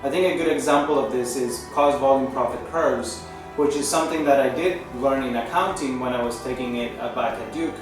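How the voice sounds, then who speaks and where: A man in his thirties from Chile, a native Spanish speaker, giving an earnest testimonial as a management consultant, pausing and restarting often. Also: mid-range voice. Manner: earnest, halting, with frequent pauses and restarts. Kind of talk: testimonial interview. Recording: echoey room, distant mic, music underneath.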